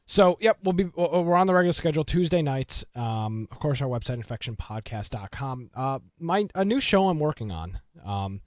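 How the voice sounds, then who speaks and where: A man's voice: a little high, sing-song, brisk, few pauses, darkish tone, no echo, studio quality. A young man who is a college student, co-hosting a podcast in casual chat with a chatty, upbeat delivery and some hesitation. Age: young adult. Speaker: podcast co-host.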